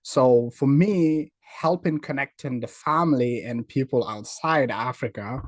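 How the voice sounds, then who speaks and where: A man from Senegal, a company founder talking as a guest in a casual video-call interview, friendly and quick to laugh, with many fillers. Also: medium pitch, dry recording.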